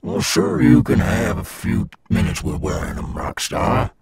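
A deep, slow-talking robot alligator rockstar, acted by a man for an ASMR audio roleplay. He swaggers with a gravelly edge as he coaxes a young listener, his pitch swinging freely. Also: expressive, a little mellow, a little hiss or hum. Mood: easygoing, friendly. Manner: slow, coaxing, addressing a child listener. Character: cool, swaggering male animatronic alligator rockstar guarding his golf course.

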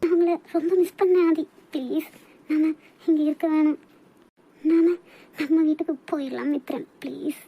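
A woman's voice: high voice, steady tone, normal speed, dull audio. A woman with a Kanyakumari Tamil accent voicing a lonely young bride in a hobby cartoon, talking in a pleading way. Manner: pleading, tearful.

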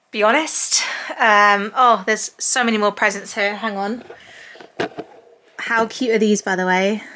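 A woman's voice: mid-range voice, bright, forceful tone. A woman in her thirties, talking casually and frankly to camera as a vlogger, rambling with lots of "like" and "um". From United Kingdom. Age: 30s. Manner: rambling, filled with likes and ums; frank, confiding.

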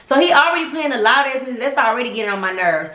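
A woman's voice: high-pitched, animated, racing, sharp tone. A young adult woman hosting a show, telling a story in a casual, sassy, profane way. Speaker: host. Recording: roomy echo.

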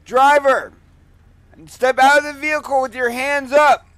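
A man shouting drawn-out, commanding police orders as if over a bullhorn in a game role-play. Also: very high voice, little pitch movement, no room sound. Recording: noisy game audio with vehicle sounds.

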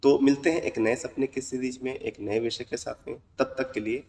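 A man hosting his own channel, explaining the meanings of dreams in a measured way, often pausing with "uh". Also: medium pitch, fairly even intonation, darkish tone, in a large hall, far from the mic, slight background noise. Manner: measured and explanatory, with frequent "uh" pauses. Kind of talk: explanatory talk to camera audience.

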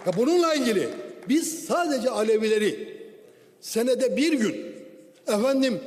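A man, a member of parliament, giving a formal, declamatory speech at a lectern microphone in a large parliament chamber. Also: extremely high pitch. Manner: declamatory, with rhetorical questions. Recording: long hall reverb.

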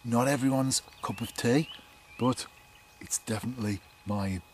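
Male angler vlogger, 40s, upbeat and hushed by turns, close camera mic outside, faint background noise. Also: medium pitch, unhurried. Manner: upbeat, chatty, often hushed to a near whisper. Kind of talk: casual outdoor vlog commentary. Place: canal bank outdoors at night and dawn. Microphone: camera mic at close range.

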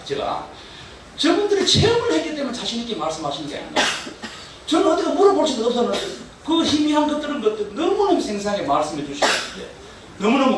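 Man in his sixties, echoey hall. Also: very high voice. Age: 60s. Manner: earnest, chuckling, lively storytelling. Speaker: deacon giving a testimony. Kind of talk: church testimony. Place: church training hall. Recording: echoey hall from far off with noise.

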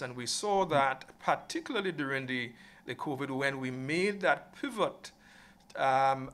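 A man speaking as a panelist in an academic discussion over a video call, hesitant and filling pauses with "um". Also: medium pitch, fairly bright tone. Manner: hesitant, many fillers.

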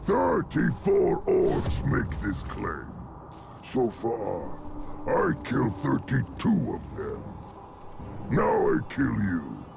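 An actor voicing a boastful, menacing male orc pit fighter in a video game, with a gravelly voice and broken grammar. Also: mid-range voice, wildly swooping pitch, takes it slowly, pauses often, noisy background, heavily acted.

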